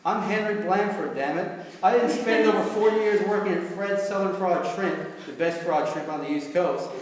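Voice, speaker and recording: A man voicing a loud, irritable, heavyset old condo owner who rants angrily, heard from far off in an echoey hall. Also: high-pitched, moderate pace, slight background noise, natural voice. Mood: indignant. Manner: blustering, angry shouting.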